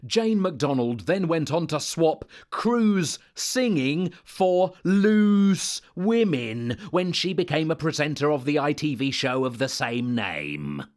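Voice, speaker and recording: A man reading scripted comic narration in a deadpan, pun-heavy delivery. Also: on the high side, slow pace, hardly any pauses. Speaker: satirical narrator.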